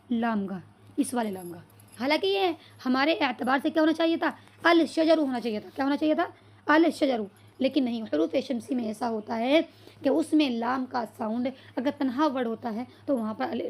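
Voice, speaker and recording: A woman's voice: sits high, darkish tone. A woman teaching an Arabic lesson who asks questions, answers them herself and often checks whether the class has understood. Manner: checks understanding with "clear so far?"; spells out Arabic words slowly.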